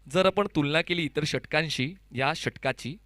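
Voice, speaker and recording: A man's voice: on the high side, normal speed, bright, forceful tone, no room sound, clean studio sound. A man giving analytical cricket commentary.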